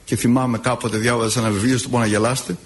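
A man preaching a sermon as an Orthodox preacher, telling stories in an expressive, drawn-out way. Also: medium pitch. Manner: expressive, drawn-out storytelling delivery.

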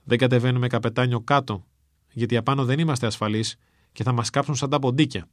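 A man's voice: mid-range voice, fairly even intonation, no room sound, studio quality, natural voice. A man voicing a guerrilla fighter urging his captain during a firefight. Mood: urgent.

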